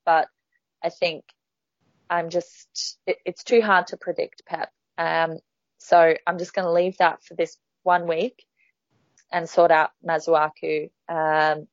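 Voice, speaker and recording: A woman's voice: low voice, dry recording. Chatty woman podcast host, lo-fi sound. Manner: chatty, with frequent ums and restarts. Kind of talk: casual podcast chat. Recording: dull, lo-fi dry sound.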